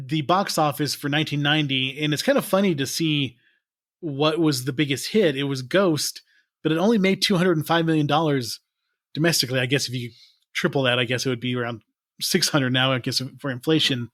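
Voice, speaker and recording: A man's voice: on the high side, brisk, fairly bright tone, no room sound. Brief: man, forties, easygoing podcast host, rambles and laughs, dry close mic. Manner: rambling, laughs often, many restarts. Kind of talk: casual chat.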